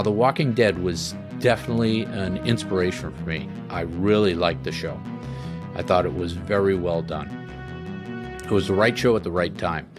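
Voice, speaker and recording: Host: tired man, low-ish voice, rambling jokey chat, music bed underneath. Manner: rambling, joking asides. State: tired after a late flight. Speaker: podcast host. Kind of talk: casual chat.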